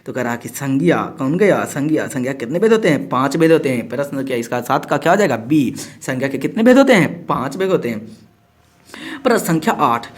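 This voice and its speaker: Male tutor, jokey exam-prep lesson style, repeats each answer. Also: on the high side. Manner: playful, acts out student questions, repeats answers. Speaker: teacher.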